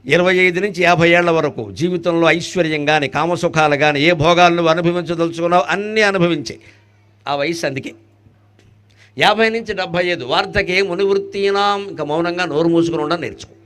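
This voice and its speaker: High-voiced animated male preacher. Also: brisk. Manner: humorous, with rhetorical questions and chanted Sanskrit verses; swings between loud animated bursts and soft low asides. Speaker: spiritual discourse speaker. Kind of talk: devotional discourse.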